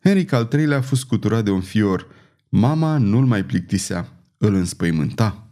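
A man narrating a historical novel as an audiobook in an even, measured reading. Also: lowish voice. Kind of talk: scripted narration.

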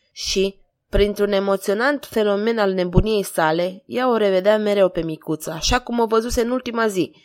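A woman narrating an audiobook chapter in a measured, dramatic reading. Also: mid-range voice. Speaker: volunteer audiobook reader.

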